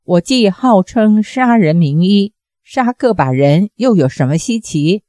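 A woman reading as a short, stout male doctor with a cold, quick temper, who snaps back in curt, clipped retorts. The delivery is slow and unhurried, with a mellow, darker tone. The sound is close and dry. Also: mid-range voice, lively intonation, dry recording, lightly acted.

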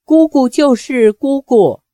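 A woman's voice: high-pitched, animated, slow pace, mellow, no echo, studio quality, pitched above the performer's own voice. A frightened simple-minded girl, voiced by a woman narrator.

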